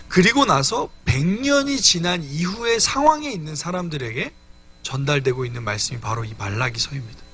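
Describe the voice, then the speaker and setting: Bright, lively-voiced young male preacher. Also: high voice, husky. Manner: earnest teaching, addresses congregation directly. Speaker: evangelist preaching. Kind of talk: sermon.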